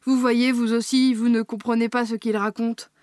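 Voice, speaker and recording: A woman voicing an exasperated office manager who brushes off questions briskly on the phone. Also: flat delivery, darkish tone, no echo, studio quality, natural voice. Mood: dismissive. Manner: brisk, dismissive, pitched up.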